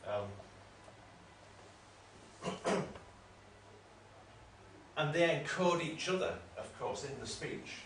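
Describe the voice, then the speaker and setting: A man's voice: a little high, expressive, extremely slow, pauses often, fairly bright tone. A man giving an academic lecture in a discursive, explanatory way, often correcting himself. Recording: roomy room, mic at a distance, faint noise.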